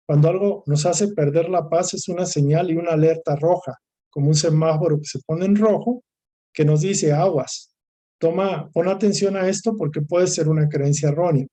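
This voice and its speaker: Mellow-voiced Mexican man teaching a course. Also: fairly high pitch. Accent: Mexican Spanish. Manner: discursive, repeats and lists words, restarts phrases. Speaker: course instructor. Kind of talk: recorded lecture session.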